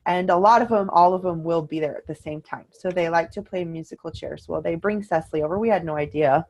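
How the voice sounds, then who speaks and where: Middle-aged woman, podcast co-host, lowish voice, casual chat, animated storytelling, quoted lines in a higher voice. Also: quick pace, highs cut off.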